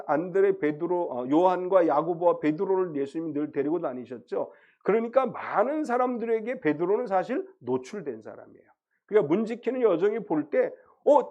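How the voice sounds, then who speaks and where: High-voiced man preaching a sermon. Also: muffled recording. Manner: acts out quoted voices of Peter and Jesus, swinging loud to soft. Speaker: pastor.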